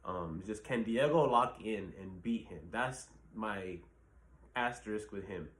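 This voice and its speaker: A man's voice: fairly low pitch, measured pace, a bit bright. Blunt, profane man giving casual fight picks. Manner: blunt, profane, rambling with fillers. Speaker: fight predictions host. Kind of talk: casual solo commentary.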